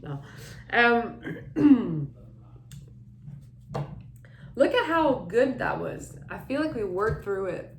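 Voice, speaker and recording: A woman giving a casual, meandering tarot reading, soft and dreamy, often laughing. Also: a little high, sing-song, extremely slow, pauses often, echoey room, slight background noise. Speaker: tarot reader.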